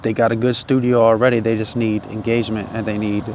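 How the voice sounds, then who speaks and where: Stoner dude rambling casually, kinda low voice, pretty flat delivery, slangy, bit of street noise behind him. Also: male voice, quick pace. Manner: loose laid-back stoner drawl; slangy, swearing, repeats tag phrases. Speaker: independent music artist.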